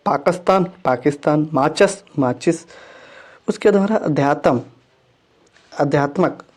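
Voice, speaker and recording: A man's voice: a little high, a little mellow. A male teacher giving an exam-prep lesson, reading out correct and incorrect spellings, repeating each word twice and correcting himself as he goes. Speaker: Hindi grammar teacher.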